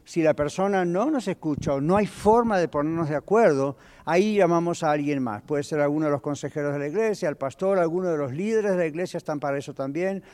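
A man's voice: on the high side, fast talker, few pauses, darkish tone. A male pastor teaching a Bible lesson in a conversational way, putting questions to his congregation. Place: church hall. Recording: long church hall reverb.

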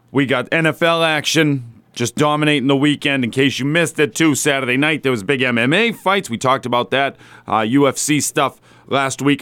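A man with a somewhat higher-than-average voice works as a sports radio talk show host. He speaks conversationally and offers his opinions straight to the listener, as if chatting one to one. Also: a bit bright. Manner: conversational, opinionated, addresses listeners and athletes directly.

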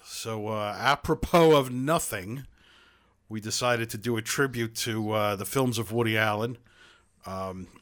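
Self-mocking Brooklyn podcast host. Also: male voice, on the low side, a little slow, a bit bright. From Brooklyn, New York. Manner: self-deprecating, many "uh" fillers, chuckling. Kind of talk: casual chat.

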